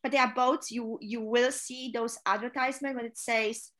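A woman's voice: fairly high pitch, fairly even intonation, normal speed, pushed and bright. A woman from Poland with a Polish accent, a non-native English speaker, giving earnest, direct career advice as an interview guest, with frequent filler sounds. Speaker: chief stewardess, interview guest.

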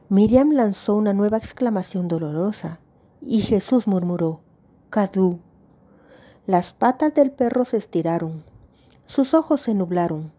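Woman calmly reading a story aloud. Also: medium pitch. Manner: calm, measured storytelling. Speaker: narrator.

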